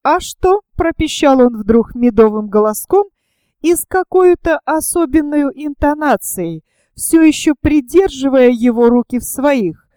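Woman audiobook narrator, high, clear voice, even literary delivery, dry close recording. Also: measured pace, dry recording. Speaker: audiobook reader.

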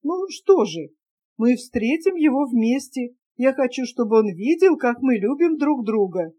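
A woman voicing an excitable, affectionate young woman in love, eager and emotional, in an audiobook reading. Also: sits high, unhurried, husky, full character voice. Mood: agitated, tender.

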